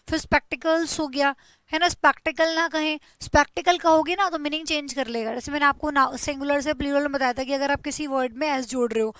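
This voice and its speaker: A woman's voice: high voice, a bit bright, no echo. A young woman teaching English grammar in Hindi, explaining patiently and repeating each word for her students. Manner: explains patiently, repeats words, drills spellings. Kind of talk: Hindi-language grammar lesson.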